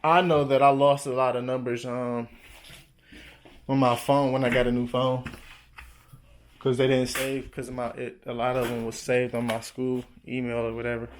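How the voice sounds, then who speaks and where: A young man in his twenties talking to camera in a loose, rambling monologue, full of slang, jumping now and then into excited, higher bursts. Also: moderate pace, a little hiss or hum. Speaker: vlogger.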